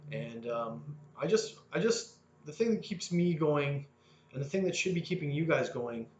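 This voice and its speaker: A man's voice: on the high side, animated, normal speed, darkish tone, roomy sound, lo-fi sound, a little hiss or hum. A man in his thirties talking earnestly about his motivation in a casual, rambling monologue full of restarts. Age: 30s. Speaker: fitness vlogger.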